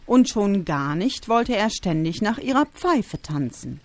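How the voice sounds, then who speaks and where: A woman reading a children's story aloud with expressive storytelling. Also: medium pitch, measured pace, no echo. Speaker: narrator.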